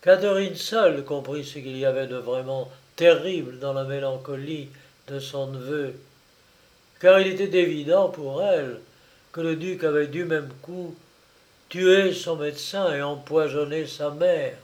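A man reads a novel aloud in a slow, unhurried voice that sits a little high. His delivery is grave and expressive, leaning into the drama of each sentence. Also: poor audio. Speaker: narrator.

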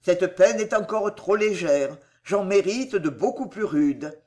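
Woman reading as an anguished young gentleman. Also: mid-range voice, lively intonation, unhurried, natural voice. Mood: remorseful. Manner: impassioned, pleading outbursts.

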